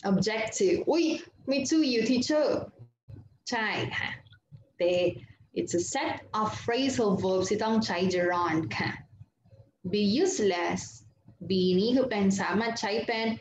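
A woman's voice: mid-range voice, drawn-out words. A woman teaching English grammar online in a Thai accent, mixing Thai and English and reading out word lists, asking and answering her own questions. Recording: roomy, dull lo-fi sound with faint noise.

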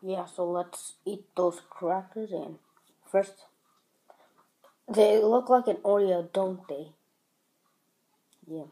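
Slow, chatty woman vlogger. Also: medium pitch, dark tone, slight background noise, low-quality recording. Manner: chatty, talks while eating. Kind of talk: casual vlog chat. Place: at home over breakfast.

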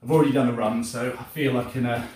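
A man's voice: medium pitch, steady tone, fast talker, a little mellow, a little hiss or hum. A middle-aged man leading an exercise class as instructor, coaching in short, encouraging commands. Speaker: fitness and martial arts instructor. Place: indoor home gym, hard walls. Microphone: distant camera mic across the room. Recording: echoey room, far from the mic.

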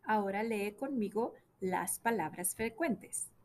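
A woman teaching a children's phonics lesson, stretching out syllables slowly for young learners to repeat. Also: mid-range voice, a little mellow, slight background noise.

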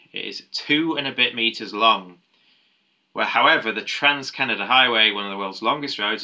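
Male maths tutor, lowish voice with a very bright edge, talks through problems aloud with ums and restarts. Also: muffled recording. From United Kingdom. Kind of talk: explaining a maths paper step by step.

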